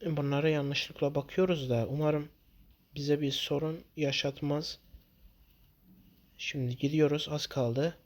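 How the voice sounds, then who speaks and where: A man giving casual gameplay commentary to his viewers, jittery and quick to swear in sudden loud outbursts. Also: a little high, fairly even intonation. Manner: talks straight to viewers as "guys". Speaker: gaming channel host.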